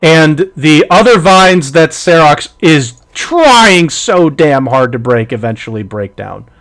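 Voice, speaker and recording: A man narrating a tabletop game as game master, lively and halting with fillers. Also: on the high side.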